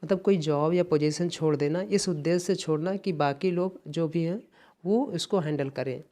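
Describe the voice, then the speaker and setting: An English lesson for competitive exams is taught by an Indian-accented man whose voice is fairly high yet dark in tone, at normal speed. He is patient in his explanations and repeats key phrases.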